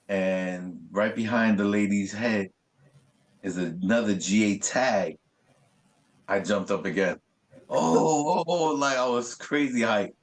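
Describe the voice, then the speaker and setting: In a laid-back interview, a man who does graffiti shares stories in a fairly low voice. He's animated and swears freely, using plenty of street slang.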